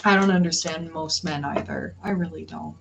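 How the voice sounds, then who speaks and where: A woman with a low, gravelly voice talks at normal speed over background noise while hosting her tarot livestream. The tarot reader rambles chattily with viewers, giggling frequently and filling her talk with restarts and filler words.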